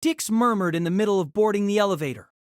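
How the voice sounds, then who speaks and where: Shouting and talking fast, a man performs dramatic narration of a scripted audio drama in a clear, resonant voice that is fairly high for a male. The sound is close and dry, with no room sound.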